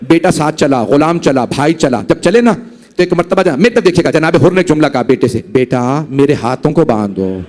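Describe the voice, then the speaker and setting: A high-pitched male preacher tells a mourning story from the pulpit. He builds to impassioned peaks and keeps pleading with the gathering to stay with him. His delivery is emotional and storytelling. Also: expressive, brisk, darkish tone, in a large hall. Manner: emotional storytelling, urging listeners to watch him. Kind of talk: mourning sermon.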